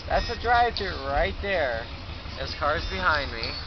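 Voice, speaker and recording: A man's voice: fairly high pitch, sing-song, measured pace. A drunk man in his twenties chatting affectionately to a handheld camera for a casual vlog inside a car. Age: 20s. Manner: affectionate, calls companion baby. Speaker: vlogger. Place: inside a car at a drive-thru. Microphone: handheld camera at arm's length. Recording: dull, noisy phone recording in car.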